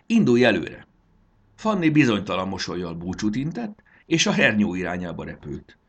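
A man narrating a children's story in an expressive, animated reading. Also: low voice, breathy edge.

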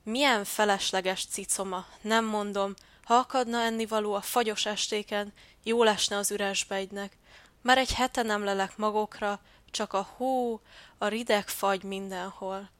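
A grumpy, hungry storybook crow, as a woman reader puts him on, grumbling and complaining in a fairly loud voice. The sound is dry and close. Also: mid-range voice, steady tone, no echo, close to an everyday voice.

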